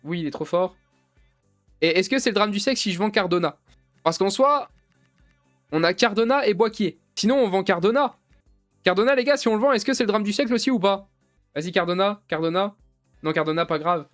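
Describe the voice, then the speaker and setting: A young man streaming a football manager game, talking excitably in slang and constantly addressing his chat. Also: sits high, brisk, pauses often, soft background music. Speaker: gaming streamer. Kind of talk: live gameplay commentary.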